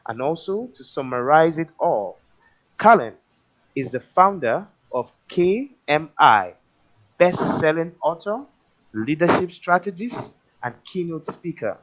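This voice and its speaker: A man's voice: on the high side, very animated, measured pace, a bit bright. Earnest man hosting an online forum. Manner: earnest, formal introductions. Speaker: forum host. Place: home, online live stream. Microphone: video call. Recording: dull lo-fi stream audio.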